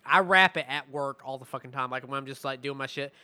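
Guy rambling thru an album review, cussing a lot, bright crisp voice, kinda hoarse, dry close sound. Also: medium pitch, fast talker, no echo. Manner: profane, rambling, raps lyrics in bursts. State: losing his voice. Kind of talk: casual album review, rapping along.

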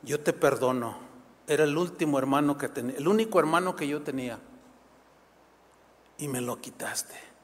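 A man doing a soft-spoken, grieving young man. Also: fairly high pitch, moderate pace, pauses often, long reverb tail, voice pushed down, natural voice. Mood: tender. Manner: soft, earnest, pleading.

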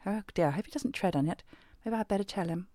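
A woman's voice: medium pitch, fast, dark tone, no echo. A middle-aged woman hosting a scripted comedy podcast, delivering a countdown of her husband's habits in a dry, exasperated way. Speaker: host. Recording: music bed behind the voice.

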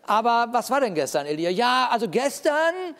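A man preaching a sermon in a lively, conversational way, often checking in with his listeners. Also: extremely high pitch, normal speed. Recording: long reverb of a large hall.

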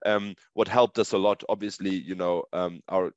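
A man with a fairly low voice speaks in a muffled, echoey recording. He answers interview questions as a company founder, explaining things conversationally and often tagging his points with a questioning "right?". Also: fairly even intonation, normal speed. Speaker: startup co-founder being interviewed. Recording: muffled lo-fi audio, echoey room.

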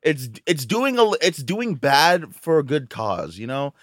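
A man's voice: a little high, sing-song, measured pace, fairly bright tone, no echo, studio quality. A young man hosting a podcast in casual, blunt, sweary chat, often repeating himself. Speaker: podcast host.

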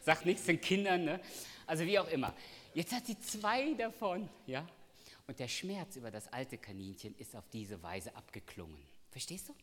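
A man preaching a sermon, telling a personal story and swinging from hushed lines to loud ones. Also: on the high side, expressive, normal speed. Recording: long reverb of a hall.

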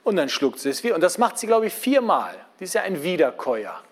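A man preaching a sermon in a lively, conversational way, asking his listeners questions. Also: high-pitched, fast.

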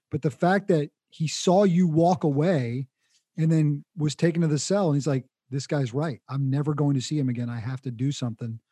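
Podcast host guy, kinda high voice but mellow, sums up the story and asks whats next. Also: dry recording. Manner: recaps the story back and asks follow-up questions. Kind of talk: interview conversation.

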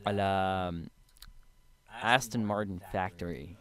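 A man co-hosting a podcast in casual chat, animated, slipping English slang into his French and laughing often. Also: low voice, takes it slowly. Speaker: podcast co-host. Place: studio.

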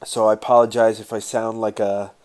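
A man's voice: fairly low pitch, little pitch movement, brisk, a little mellow, smooth. A man hosting a podcast solo in casual talk, sounding congested with a stuffed-up nose and breathing through his mouth. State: stuffed-up nose, getting over a sinus infection. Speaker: podcast host.

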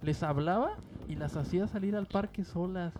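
A man with a Mexican Spanish accent in a casual chat among friends. He talks in a chatty way and chimes in quickly to agree. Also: high voice, a little mellow.

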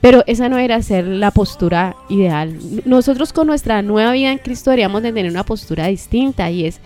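Earnest woman teaching faith, soft music behind. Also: medium pitch, lively intonation. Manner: measured, earnest, many rhetorical questions and restarts. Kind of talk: reflective faith teaching in conversation.

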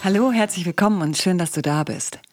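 A woman's voice: on the low side, fairly quick, soft background music. A woman coach and psychologist hosting a podcast, talking casually and asking the listener questions. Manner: conversational, asks the listener questions.

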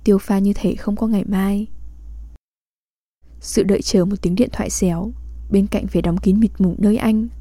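A woman reads a literary diary aloud, calm and measured in an intimate way. Her voice is deeply mellow and dark, close and dry with no room sound. She keeps an even, unhurried reading tone throughout. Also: no echo. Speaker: reader.

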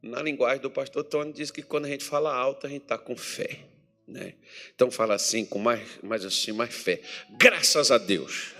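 A man's voice: fairly quick, faint music behind. A Brazilian man preaching a sermon as pastor in a church hall, chatty and joking with the congregation. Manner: jokey, chatty preaching with lively pitch swings.

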